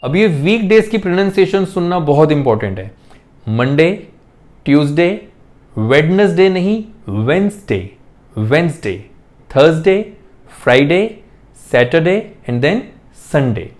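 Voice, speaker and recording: A man gives an online English pronunciation lesson in a slightly high, darkish voice with lively intonation. His explanations blend Hindi and English, and he pronounces each example word slowly, more than once.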